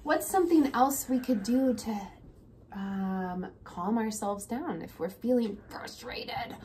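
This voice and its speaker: In her thirties, this woman hosts a casual read-aloud lesson for young children at home, encouraging them and prompting with questions. Her voice is a little high and dark in tone, and she takes things slowly. The small indoor room has noisy ambience.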